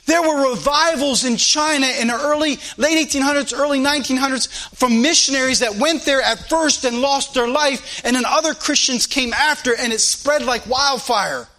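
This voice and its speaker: Heard on a live stream from a church sanctuary, a pastor delivers a fervent, emphatic sermon packed with rhetorical questions. His voice is very high-pitched, bright and forceful.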